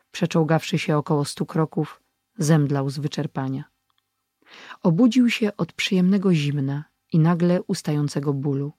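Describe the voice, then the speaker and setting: An audiobook narrator reads a story in a measured, even way. The voice sits at a middle pitch, neither high nor low. The recording is dry and close, with no room echo. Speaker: audiobook reader. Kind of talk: scripted narration.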